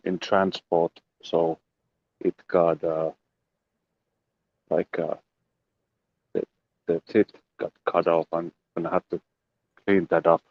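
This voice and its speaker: A man's voice: lowish voice, dull audio. A man giving a casual, rambling walking tour of his land outdoors, joking and making playful sound effects as he goes. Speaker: show regular giving a homestead tour. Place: outdoors on a rural property.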